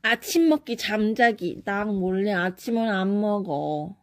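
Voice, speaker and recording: A young woman casually chatting on a live stream, reading viewer comments aloud and answering quick either-or questions. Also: mid-range voice, dry recording.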